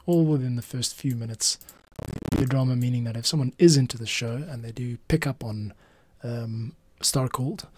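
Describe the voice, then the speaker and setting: Here a middle-aged man who edits podcasts and streams offers easygoing commentary, thinking out loud as he cuts audio. His medium-pitched voice is warm, picked up by a boom-arm mic near his mouth in a small home studio, where clear clicks of keyboard and mouse and a faint hiss or hum can be heard.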